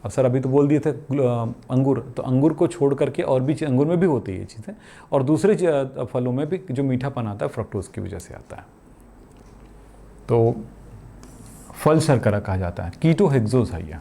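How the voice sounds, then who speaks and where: At a normal speed, a middle-aged man with a warm, creaky, mid-range voice teaches chemistry in a chatty classroom style, answering questions he poses himself and using everyday examples. He jokes and informally calls his students "beta." A little hiss or hum can be heard.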